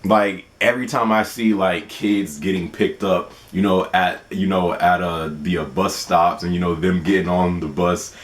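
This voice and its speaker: A man's voice: low-pitched, steady tone, moderate pace, hardly any pauses. A man in his twenties hosting a casual question-and-answer vlog, playful and laughing often. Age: 20s. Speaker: gaming channel host.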